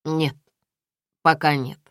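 An audiobook reader with a low voice takes on the role of a male police investigator, giving him formal, measured, dry speech. There is no room sound in the recording.

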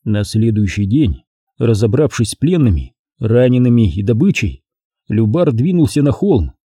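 A man reading an audiobook in expressive scripted narration. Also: medium pitch, normal speed, husky, no room sound, clean studio sound. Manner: expressive storytelling.

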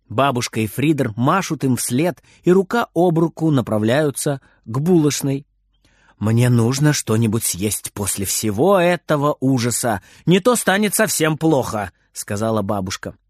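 Lively male storybook narrator. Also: medium pitch, no room sound, clean studio sound. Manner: expressive, animated reading.

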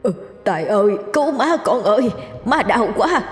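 A woman with a Southern Vietnamese accent voicing a demon spirit inside a mother, pleading and whimpering in a higher, softer voice. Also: sing-song, moderate pace, reverberant, long reverb tail, soft background music.

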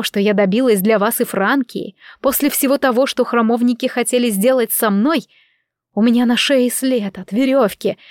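A woman voicing a proud, quick-tempered young queen who speaks emotionally in an audiobook. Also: on the high side, no room sound, clean studio sound, natural voice. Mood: indignant. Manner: emotional, impassioned.

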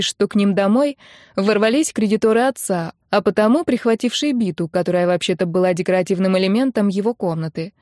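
Woman, audiobook narrator, expressive storytelling, mid pitch, dry close sound. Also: no echo. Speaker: audiobook reader.

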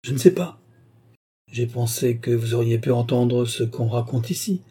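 A man reading aloud, voicing a timid, anxious young seamstress girl in a storybook with a soft, hesitant manner. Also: medium pitch, moderate pace, husky, natural voice.

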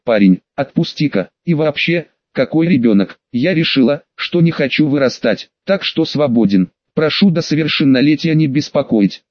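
A man's voice: fairly high pitch, lively intonation, normal speed, hardly any pauses, no echo, lightly acted. A male reader voicing a stubborn young woman who snaps back defiantly, on a dull lo-fi recording. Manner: snapping, defiant. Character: stubborn, sharp-tongued young woman heroine.

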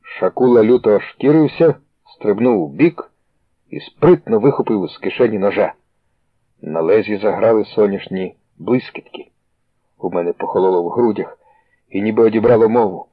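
A man narrates a story in a steady, measured way, with a low, husky voice. The sound is tinny and phone-like, dry with no room echo. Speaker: audiobook reader.

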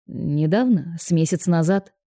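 A woman's voice: on the low side, expressive, measured pace, mellow, dry recording, studio quality. A woman voicing a cocky, teasing young male television presenter in an audiobook. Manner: smug, mocking.

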